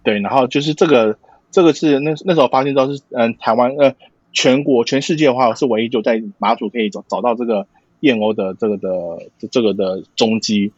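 A man from Matsu with a Taiwanese Mandarin accent, explaining things casually in a halting way with repeated words. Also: medium pitch, no room sound. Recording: dull lo-fi sound, dry.

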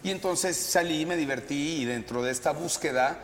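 A man's voice: on the high side, moderate pace, a little hiss or hum. Reflective Mexican man telling his story. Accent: Mexican Spanish. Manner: earnest, reflective, many fillers. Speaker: guest. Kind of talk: candid storytelling chat. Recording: reverberant space with crowd chatter.

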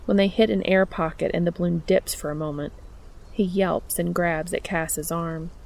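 A woman narrating a romantic story in a steady, even-toned reading. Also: on the low side, moderate pace, creaky. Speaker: audiobook narrator.

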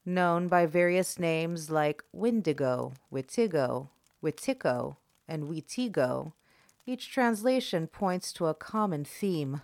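Low-voiced woman, ominous horror host. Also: no echo. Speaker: host of an eerie folklore series. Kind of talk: horror host narration, scripted.

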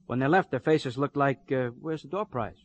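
An actor voices a cheerful middle-aged police partner who jokes and chatters easily. His voice sits at a middle pitch. It is a 1950s radio drama. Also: normal speed, slight background noise, natural voice. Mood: chatty. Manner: chatty, joking, talkative.

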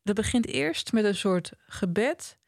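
Animated Dutch-speaking podcast co-host, dry sound. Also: medium pitch, gravelly, no room sound. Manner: animated, reads passages aloud slowly and softly. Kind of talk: casual literary discussion.

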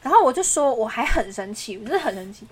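A woman podcast co-host, telling a story in casual chat with dramatic, animated delivery. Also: fairly high pitch, fast, slight background noise.

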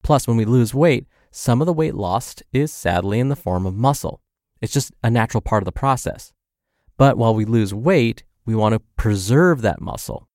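A man's voice: mid-range voice, animated, normal speed, darkish tone, no echo, clean studio sound. A man hosting a health advice show in an upbeat, tidy, instructive manner, speaking directly to the listener in a scripted style. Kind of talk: scripted advice podcast narration.

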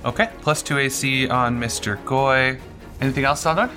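A man's voice: medium pitch, moderate pace, over music. A man acting as game master, casually narrating combat and rulings in a tabletop role-playing game.

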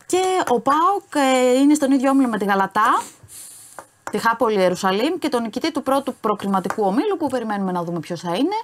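A woman sports journalist co-hosting a casual show, reading through results calmly with some hesitations. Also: fairly high pitch. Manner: calm, matter-of-fact news rundown with some hesitations.

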